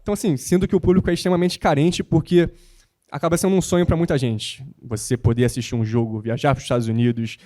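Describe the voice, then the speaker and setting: A young man from Rio de Janeiro, speaking as a guest on a panel and talking in an animated, motivational, slangy way. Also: fairly high pitch, fast talker. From born in the United States, raised in Rio de Janeiro. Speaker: guest, basketball content creator. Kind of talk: panel talk on stage.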